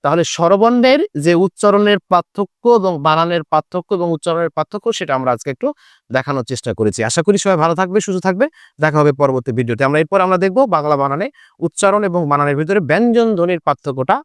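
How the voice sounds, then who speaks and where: A male Bengali teacher with a Bangladeshi accent, giving a slow, deliberate exam-prep lesson that stresses each example word. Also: a little high, lively intonation, clear, resonant tone, no echo, clean studio sound.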